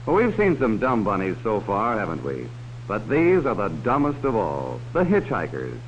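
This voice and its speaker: This man's fairly low voice moves through huge pitch swings at normal speed. Playing a 1950s educational-film narrator, he cautions children about strangers, speaking to them folksily and directly with leading questions, and the audio has the dull hiss of an old film soundtrack.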